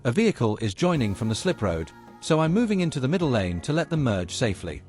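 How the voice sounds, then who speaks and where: Animated male driving-lesson narrator over music. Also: medium pitch. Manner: measured, explanatory, addresses learners directly. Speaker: driving instructor presenting a video lesson. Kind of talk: scripted instructional narration.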